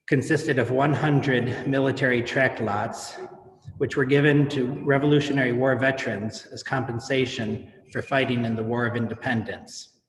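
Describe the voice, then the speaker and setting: A man delivering a prepared, explanatory speech on local history as an event speaker. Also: mid-range voice. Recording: echoey, reverberant sound with faint background noise.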